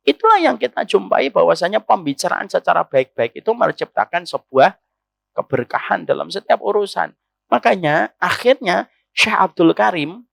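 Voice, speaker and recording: A man's voice: high-pitched, gravelly, a bit bright, no room sound. A man preaching a sermon to a women's study circle, addressing the listeners as ma'am and asking them rhetorical questions.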